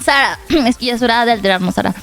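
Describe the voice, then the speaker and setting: A young woman giving casual gameplay commentary, laughing often, shouting at the game and reading pickup lines aloud. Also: on the high side, fast, gravelly, soft background music. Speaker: streamer.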